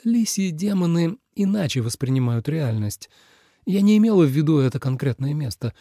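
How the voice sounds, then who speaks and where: A man reading an audiobook voices a young female celestial fox healer who speaks gently and apologetically. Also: fairly high pitch, sing-song, normal speed, dry recording, studio quality, voice pushed up. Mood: gentle.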